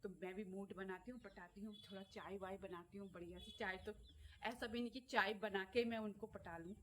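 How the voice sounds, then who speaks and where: A woman's voice: medium pitch, fairly even intonation, fairly quick, slight background noise. A woman vlogging casually to her viewers, chatty and playful, rambling from topic to topic outdoors at her home garden.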